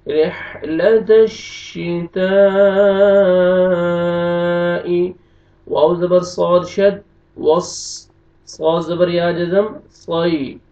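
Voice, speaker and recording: A man teaching Quran recitation, spelling out letters and vowel marks, then reciting slowly with long drawn-out notes, in a Pakistani Urdu accent. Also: high-pitched, darkish tone. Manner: slow drawn-out recitation alternating with brisk explanation. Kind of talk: tajweed lesson, spelling out and reciting. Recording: roomy, distant, dull lo-fi sound.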